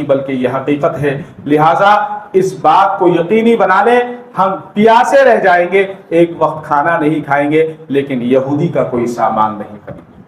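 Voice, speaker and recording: Man, preacher, sermon with stories, high-pitched, lively swings in loudness, echoey mosque hall. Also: a little hiss or hum. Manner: animated, swings from raised to hushed delivery. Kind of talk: sermon with storytelling.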